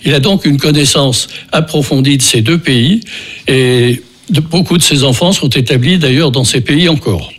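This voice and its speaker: A man's voice: mid-range voice, normal speed, fairly bright tone. An older man hosting a local radio music show, talking in a rambling way with many restarts and fillers, with a Beaujolais accent. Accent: French from Beaujolais. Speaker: radio host.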